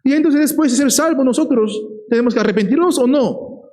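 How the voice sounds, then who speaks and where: A man preaching a sermon with a fairly high, mellow voice. He keeps checking in with his listeners with short questions and slows down to lean on key words. His delivery is lively and direct. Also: low-quality recording. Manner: lively, checks in with the listeners, often asking "¿verdad?".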